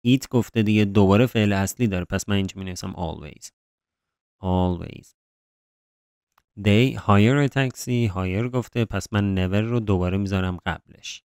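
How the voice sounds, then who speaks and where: Guy walking through workbook answers, lowish voice, smooth and dry, slow careful english readouts. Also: a little mellow, no room sound. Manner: explains step by step, reads English sentences slowly and clearly. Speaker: English teacher. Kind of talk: workbook lesson walkthrough.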